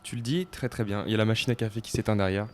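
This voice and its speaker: A young man in his twenties hosting a casual talk show, relaxed and joking, with many fillers. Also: fairly low pitch, very fast, slight background noise. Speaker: podcast host. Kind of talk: casual conversation.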